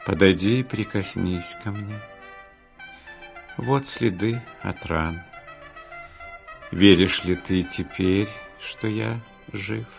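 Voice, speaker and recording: A man voicing Jesus in a storybook, speaking softly and calmly in a low voice. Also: takes it slowly, gravelly, pauses often, lo-fi sound, soft background music, exaggerated voice. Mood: gentle. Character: gentle, calm risen Jesus, a grown man.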